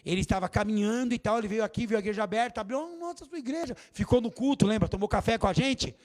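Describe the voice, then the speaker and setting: High voiced guy preaching in church, animated, acts out the quotes. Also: very fast. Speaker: bishop. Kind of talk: sermon.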